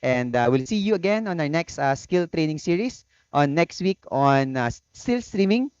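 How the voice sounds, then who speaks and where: A man's voice: fairly high pitch, animated, moderate pace, clear, resonant tone, no echo, muffled recording. A man with a Filipino accent hosting a webinar casually, switching between Tagalog and English. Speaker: webinar host.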